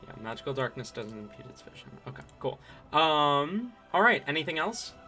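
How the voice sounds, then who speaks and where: A man acting as game master, narrating and making rulings in a halting, deliberate way. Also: fairly high pitch, big pitch swings, pushed and bright, faint music behind.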